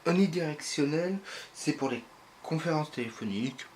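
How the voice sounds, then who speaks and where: A man's voice: a little high, lively intonation, normal speed, a little mellow, slight background noise. A young man casually reviewing a microphone, joking and rambling in a chatty way. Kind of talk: casual product review vlog.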